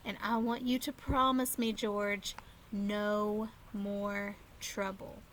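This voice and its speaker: A woman's voice: high-pitched, expressive, moderate pace, a little hiss or hum. A woman reading a fond but firm young aunt. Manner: gently stern.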